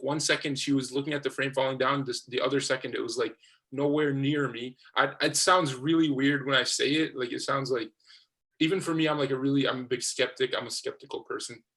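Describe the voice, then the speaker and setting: A man's voice: medium pitch, fairly even intonation, a little fast, creaky, fairly bright tone, low-quality recording. A young man co-hosting a talk show, telling a personal story in a rambling, hesitant way. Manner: rambling, hesitant, many restarts, laughs easily. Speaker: co-host.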